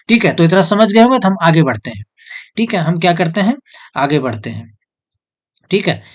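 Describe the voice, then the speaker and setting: Guy teaching at a board, slightly high voice, asks and answers himself over and over. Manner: repetitive question-and-answer teaching, "jo hai so" filler. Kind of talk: whiteboard lesson.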